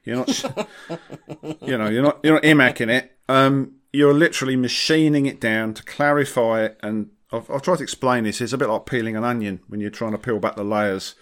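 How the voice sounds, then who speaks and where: A man's voice: mid-range voice, fairly even intonation, fairly quick, a bit bright. A man chatting casually as a podcast host, wry and jokey, using British slang. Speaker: podcast host and car detailer.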